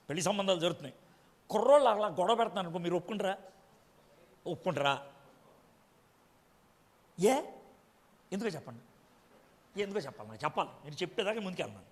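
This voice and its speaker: High-voiced preacher in an echoing hall. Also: male voice, big pitch swings, fast talker, pauses often, fairly bright tone. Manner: questions the congregation directly. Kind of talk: sermon.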